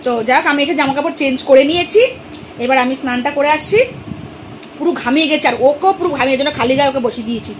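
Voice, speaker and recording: A woman vlogs her day as a mother, talking straight to her viewers in a chatty, casual way, first outdoors on the street and then at home. Her voice is high and rapid-fire against a noisy background.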